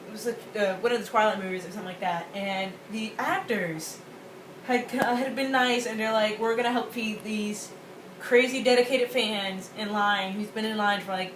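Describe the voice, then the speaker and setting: A young woman co-hosting a casual rant, talking in a quick, excitable, exaggerated way. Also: medium pitch. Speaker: co-host. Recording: roomy, distant, noisy home recording.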